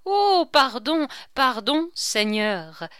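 A woman's voice: high-pitched, sing-song, drawn-out words, a bit bright, smooth, dry recording, studio quality, pitched above the performer's own voice, exaggerated voice. A woman doing a sly mocking male jester. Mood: mock pleading. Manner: mocking, theatrical whispers and mock pleading. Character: sly quick-witted male court jester.

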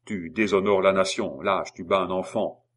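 A man's voice: low voice, fairly even intonation, normal speed, fairly bright tone. A man voicing a stern, suspicious young male officer who gives firm commands. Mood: indignant.

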